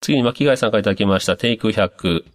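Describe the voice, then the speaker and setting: Deep-voiced man hosting a chatty show. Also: fast talker, soft background music. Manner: relaxed, chatty, with frequent fillers and musing asides. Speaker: podcast host. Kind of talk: casual radio-style talk reading listener messages.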